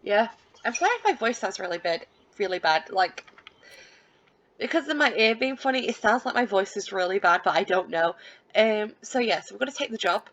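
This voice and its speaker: In a muffled recording, a let's play gamer talks over her life-sim session with a mid-range, slightly bright voice. Her casual narration wanders, full of fillers and restarts, and she's self-deprecating, laughing lightly.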